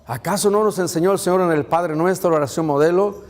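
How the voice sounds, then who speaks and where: A man with a fairly high voice preaches a sermon, his words ringing through a church hall with a long reverb. He asks the congregation question after question and calls out to them. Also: fast talker. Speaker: pastor.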